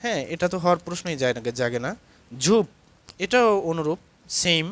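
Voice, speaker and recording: A middle-aged man giving a grammar lesson, sounding out example words slowly and repeating them, dropping low at the end of each definition. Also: very animated, a bit bright. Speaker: Bengali grammar teacher.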